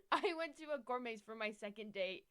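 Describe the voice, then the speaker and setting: A woman's voice: fairly high pitch, animated, moderate pace, a bit bright. A young woman co-hosting a podcast, telling a dating story in casual chat with frequent laughs. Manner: giggly, rambling storyteller. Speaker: podcast co-host.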